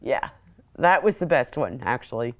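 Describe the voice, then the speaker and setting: A woman's voice: rumbling low, big pitch swings, normal speed, noisy background. An older woman, interviewed for a news feature, fond and amused as she talks and reads. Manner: laughs often, fond and amused. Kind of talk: interview and reading.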